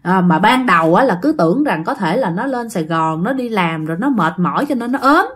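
A woman's voice: medium pitch, lively intonation, a little fast, fairly bright tone, husky. Chatty woman with a Southern Vietnamese accent. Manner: chatty, addresses listeners directly. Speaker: storyteller. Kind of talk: casual ghost-story narration.

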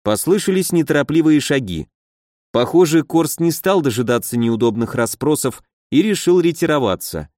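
A man reading a first-person fantasy audiobook in an even storytelling manner. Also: fairly high pitch, normal speed, no room sound, studio quality. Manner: even storytelling, voices characters. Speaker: audiobook narrator.

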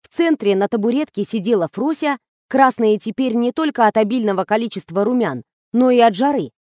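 A woman reading a first-person comic novel aloud in a lively, ironic storytelling manner. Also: fairly high pitch, fairly quick, no room sound, studio quality. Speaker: audiobook narrator.

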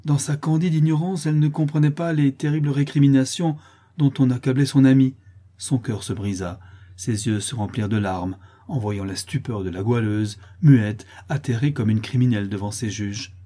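A man reading a classic novel aloud, expressive and measured. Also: medium pitch. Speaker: audiobook reader. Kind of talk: scripted narration.

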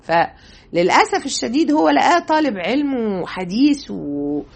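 A woman with an Egyptian accent and a high, light voice gives a religious lesson in everyday speech. She keeps it conversational and lively, often tossing rhetorical questions at her listeners. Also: moderate pace, vocal fry. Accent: Egyptian Arabic. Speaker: religious teacher.

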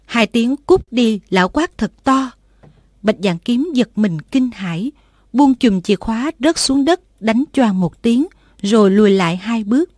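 A woman reading a martial arts novel aloud as an audiobook narrator, in a steady storytelling manner. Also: fairly high pitch, unhurried, dry recording, studio quality.

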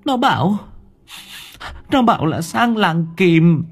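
A man voicing a panicked, sobbing village wife, wailing in a high, strained voice over faint music. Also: sing-song, slow pace, breathy edge, exaggerated voice. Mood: wailing, terrified. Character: panicked sobbing old wife, middle-aged woman.

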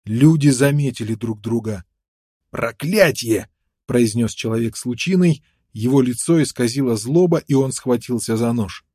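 A man narrating an adventure novel in a measured, dramatic reading. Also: medium pitch, warm tone, no room sound, clean studio sound. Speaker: audiobook narrator. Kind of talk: scripted narration.

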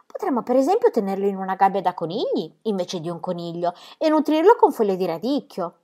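A woman reading aloud, voicing a bold, cheerful girl who tells tall tales with lively exclamations. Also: mid-range voice, fairly quick, close to an everyday voice. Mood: bold, cheery.

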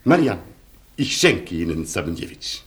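An actor in a German radio play playing a proud, romantic Polish aristocrat colonel with a Polish accent and a formal, commanding, gallant manner. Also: male voice, low voice, sing-song, normal speed, a bit bright. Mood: ardent, gallant.

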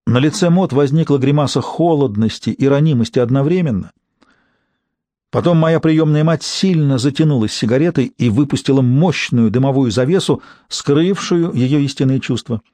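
A man narrating an audiobook in an even, measured way. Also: mid-range voice, dry recording.

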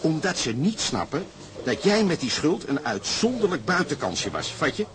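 Here the actor's sailor, a passionate socialist in a Dutch radio play, explains his views fervently, lecturing and pushing emphatic questions. The male voice runs on the high side, swings widely in pitch, moves at a moderate pace, and has a fairly bright tone.

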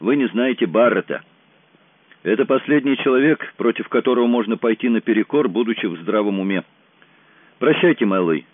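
A man voicing a nervous, grim male kidnapper in a thriller audiobook, speaking in a low, weary, resigned way. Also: lively intonation, fairly quick, no echo, natural voice. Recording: dry, tinny phone-like sound.

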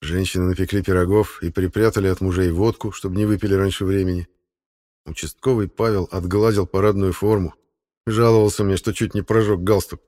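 A man narrating an audiobook in steady first-person storytelling. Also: low-pitched, brisk. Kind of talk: scripted narration.

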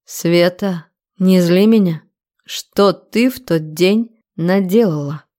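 A woman's voice: fairly low pitch, warm tone. A woman reading a furious, menacing young man. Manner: slow, threatening interrogation. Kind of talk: audiobook character voice.

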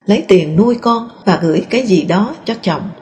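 A woman reading a first-person memoir aloud in a calm, steady storytelling voice. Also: medium pitch, normal speed, slight background noise. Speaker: narrator.

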